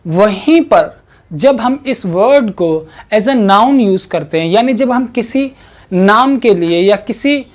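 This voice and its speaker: A woman teaching English pronunciation in Hindi, slowly drawing out the English example sentences and repeating key words. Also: medium pitch, lively intonation. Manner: slow, drawn-out model sentences in English. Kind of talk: pronunciation lesson.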